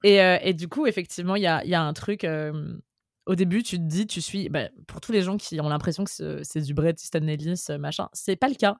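A woman's voice: lowish voice, fairly quick, no echo, studio quality. A woman co-hosting a casual book podcast, talking animatedly with lots of fillers and restarts. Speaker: podcast co-host. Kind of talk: casual chat about books.

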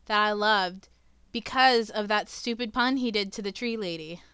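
A young woman chatting on a podcast with a bright, crisp voice that sounds close and dry. She laughs easily, swears casually, and gets animated when she tells a story. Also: medium pitch, normal speed, no echo. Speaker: podcast co-host. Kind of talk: casual chat.

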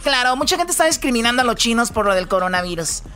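Woman co-host with a high voice. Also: animated, quick pace, sharp tone, soft background music. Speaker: radio co-host. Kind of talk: casual radio chat.

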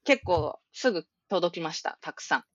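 A woman's voice: fairly low pitch, animated, moderate pace, no echo. A woman co-hosting a podcast, speaking politely with a wry edge and reading listener letters aloud. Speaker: podcast co-host. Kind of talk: casual chat. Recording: dry, dull lo-fi sound.

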